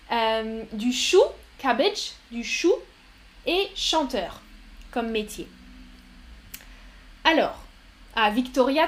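A woman hosting a live word game as a teacher, reading out chat answers and cheering viewers on. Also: sits high. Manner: upbeat, encouraging, reads chat names aloud.

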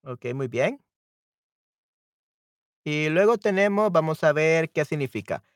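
A man hosting a live-stream language lesson, cheerful and quick to laugh, repeating phrases slowly and switching between two languages. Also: a little high, lively intonation, smooth, dry recording, studio quality.

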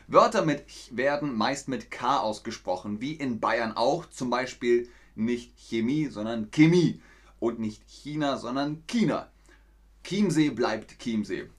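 A man's voice: medium pitch, a bit bright. Chatty male German teacher. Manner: explanatory, chatty, answers viewers' chat questions. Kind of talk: livestream language lesson reading chat.

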